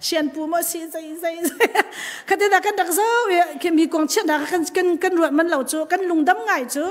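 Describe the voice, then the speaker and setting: A woman's voice: very high voice, fast, in a large hall. A woman preacher giving a live church sermon with an emphatic delivery that rises and falls. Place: church hall.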